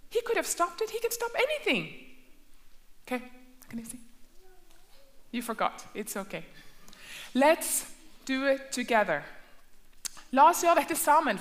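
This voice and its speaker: Leading a children's church class, a woman asks questions and says things twice, once in each of two languages. Her voice is high and a bit bright in this bilingual Sunday school lesson.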